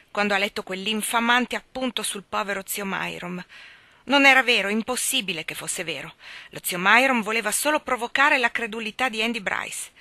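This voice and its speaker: A woman's voice: medium pitch, sharp tone, no room sound. A woman voicing a small, wrinkled, proud old spinster in an audiobook, speaking with stiff, bitter formality.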